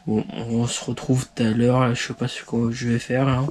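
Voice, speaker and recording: A man recording a casual video diary, talking in halting bursts full of restarts and fillers. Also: mid-range voice, monotone, darkish tone. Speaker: vlogger.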